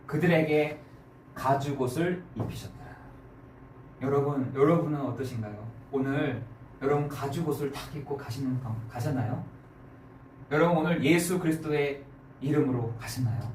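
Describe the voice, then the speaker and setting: A man's voice: medium pitch, normal speed, a little mellow. A male pastor preaching a sermon in a church, speaking with emphasis and putting repeated questions to the congregation. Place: church sanctuary. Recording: echoey church sound, distant mic, faint noise.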